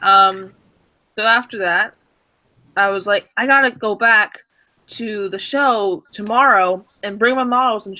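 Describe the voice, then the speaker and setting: A man co-hosting a stream, telling a casual story with many restarts and fillers, and acting out the dialogue with excitement. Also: high voice, rough recording. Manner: acts out quoted dialogue excitedly. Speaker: stream co-host.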